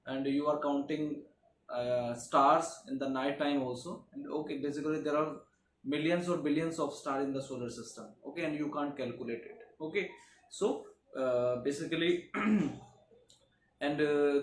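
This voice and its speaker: A man teaching a geography lesson to schoolchildren, often filling pauses with "okay" and "uh". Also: fairly high pitch. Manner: frequent "okay" and "uh" fillers, repetitive explaining. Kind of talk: classroom lecture. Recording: echoey room, faint background noise.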